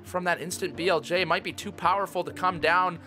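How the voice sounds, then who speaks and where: A man's voice: high-pitched, steady tone, fairly quick, pushed and bright, soft background music. A young man doing casual, jokey play-by-play commentary on a video game race. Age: young adult.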